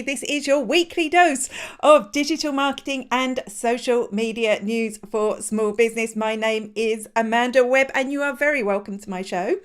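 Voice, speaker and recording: Chatty woman hosting a live show. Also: a little high. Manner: chatty, laughs easily, talks straight to viewers. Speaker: host. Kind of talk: live-streamed news show.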